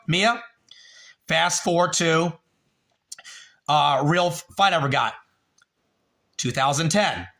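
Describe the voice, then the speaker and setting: Profane, bright-voiced man telling stories. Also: fairly high pitch. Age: 30s. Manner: profane, talks to chat viewers by name. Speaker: livestream host. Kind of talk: casual rambling storytelling.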